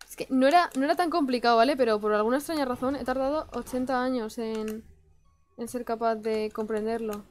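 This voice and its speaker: A woman's voice: a little high, a little fast. A young woman from Spain with a Spain Spanish accent, commenting on her gameplay in a self-mocking, exasperated way. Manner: self-mocking, exasperated, frequent laughs and outbursts. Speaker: gaming streamer. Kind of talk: casual let's play commentary.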